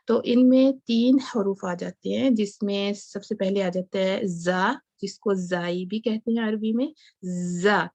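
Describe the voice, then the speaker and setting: A woman's voice: mid-range voice, a little mellow, no room sound. A woman teaching Quran recitation, explaining letter sounds patiently, often checking with her listeners and mixing English words into her talk. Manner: patient, repeats sounds slowly and checks with "okay?". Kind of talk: online tajweed lesson.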